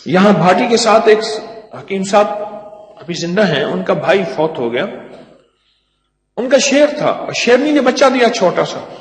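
An older man with a high-pitched voice tells stories as an herbal doctor. He speaks in an animated, folksy way, full of asides. His voice rings through a large echoey hall with a long reverb tail. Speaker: herbal doctor giving a talk. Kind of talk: storytelling lecture.

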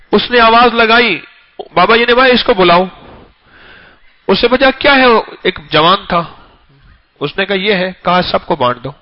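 A man preaching an emotional storytelling sermon, repeating phrases for emphasis and swinging between loud and hushed delivery. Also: high voice. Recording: dull lo-fi recording.

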